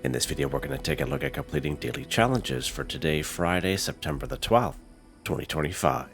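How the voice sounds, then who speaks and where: A man hosting casual gameplay commentary in a relaxed, chatty way, sounding stuffy from a head cold. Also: rumbling low, fairly quick, vocal fry, faint music behind. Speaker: gaming channel host.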